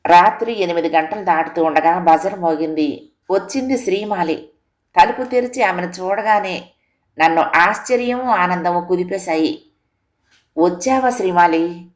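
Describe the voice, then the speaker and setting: A woman narrating a literary audio story in a steady, composed reading voice. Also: on the low side, moderate pace.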